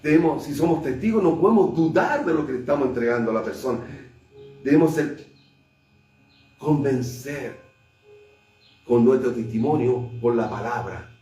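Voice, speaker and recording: A man, a pastor with a Chilean Spanish accent, preaching a sermon and acting out scripture scenes, swinging between loud and hushed delivery. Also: medium pitch, expressive, normal speed, long pauses. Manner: retells scripture with acted dialogue, shifts between loud and hushed. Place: church sanctuary. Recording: echoey church from far off, faint noise.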